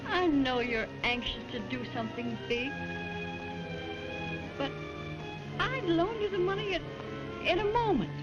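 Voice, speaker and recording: An actress playing a gentle, careful middle-aged mother, speaking politely and cautiously, in early talkie film sound. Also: high voice, a little slow, long pauses. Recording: dull 1920s film soundtrack with music.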